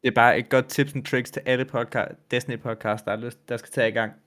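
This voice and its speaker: A male podcast co-host talks casually at a middle pitch. He reads story passages aloud in a steady voice, then breaks into loose chat with fillers and the occasional swear word. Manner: reads quotes flatly, chats with fillers and swearing. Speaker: podcast co-host reading game lore aloud. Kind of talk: casual chat and lore reading.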